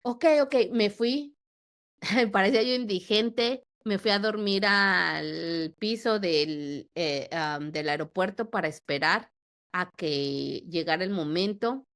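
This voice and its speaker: A woman in her thirties or forties with a Mexican accent, a podcast guest telling a personal story in a lively way that acts out the dialogue. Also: fairly low pitch, slow. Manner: animated, acts out dialogue with repetitions.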